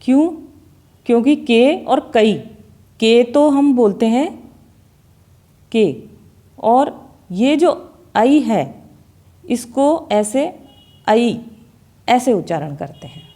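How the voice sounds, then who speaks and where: A woman teacher gives a slow, careful grammar lesson, sounding out each example word again and again. Her voice sits a little high but has a mellow, dark tone. She speaks at an unhurried, classroom pace. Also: animated. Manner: slow, deliberate, repeats example words to demonstrate sounds.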